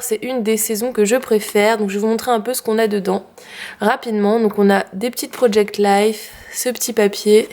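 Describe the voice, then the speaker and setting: A woman with a French accent showing her craft purchases in a casual, chatty way with many fillers. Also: on the high side. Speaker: craft vlogger. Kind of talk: casual haul video.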